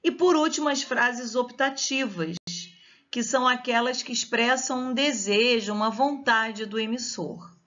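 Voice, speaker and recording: A woman's voice: on the high side, a little slow, fairly bright tone, highs cut off. A woman teacher with a Brazilian Portuguese accent giving a grammar lesson and explaining step by step. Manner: explains step by step, checks with students.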